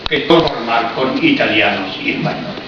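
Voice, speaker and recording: An Argentine man with an Argentine Spanish accent gives a public history lecture in a cultural hall in Paris, reflective and explanatory with ironic asides. His voice is medium-pitched and animated at a normal pace, captured from a distant mic. The recording is echoey, muffled and noisy, taken from afar.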